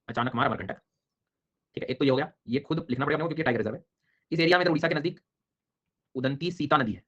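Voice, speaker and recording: A man gives an online exam-prep lecture, energetic and coaxing as he drills names over and over. His voice is bright and slightly high, and he talks very fast. The audio is dull and lo-fi. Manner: energetic, coaxing students with repeated memory drills. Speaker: teacher.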